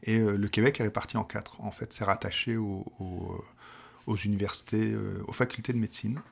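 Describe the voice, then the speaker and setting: This middle-aged Parisian man's voice is lowish, creaky, and husky, holding a steady tone at a slightly fast pace. Interviewed about his role managing projects for a provincial health plan, he hesitates and starts over many times.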